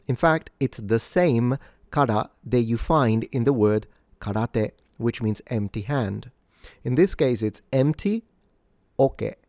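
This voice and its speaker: A man hosting a short scripted pronunciation lesson, speaking in a measured way and repeating words slowly for practice. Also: mid-range voice, dark tone, dry recording, studio quality. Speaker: pronunciation teacher.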